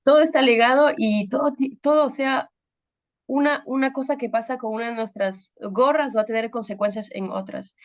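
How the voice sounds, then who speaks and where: A Peruvian pastor in her thirties gives a women's ministry talk, her Peruvian Spanish accent carrying some French influence. Her voice is on the high side and steady in tone. She often pauses with fillers while searching for words.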